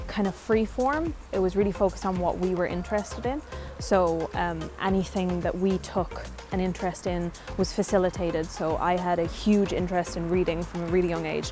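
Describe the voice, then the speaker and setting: A young woman with a west of Ireland accent, giving chatty, informal and thoughtful answers as an interview guest. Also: on the low side. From Galway, Ireland. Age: young adult.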